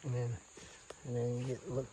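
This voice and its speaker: Male hunter, Arkansas Southern accent, relaxed dark-toned delivery, casual field vlog, light outdoor background noise. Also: mid-range voice, moderate pace. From Arkansas, United States. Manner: folksy, plainspoken, points things out as he goes. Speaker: deer hunter giving scouting tips. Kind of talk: casual outdoor vlog, explaining while scouting. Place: outdoors in the woods. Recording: outdoor field recording with faint natural noise.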